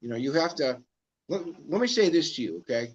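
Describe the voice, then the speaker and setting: A man's voice: a little high, expressive, a little fast, dull audio. A man co-hosting a live Q&A, talking to viewers in a folksy, emphatic way. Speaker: co-host of a live Q&A, nonprofit organizer. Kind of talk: casual live-stream talk.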